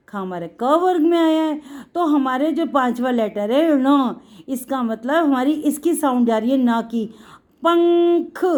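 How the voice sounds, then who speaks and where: A high-pitched woman gives a patient Hindi lesson to children. She stretches out her words as she explains each letter and warmly calls her pupils "beta". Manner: patient, drawn-out explaining, addresses students as beta. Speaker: Hindi teacher.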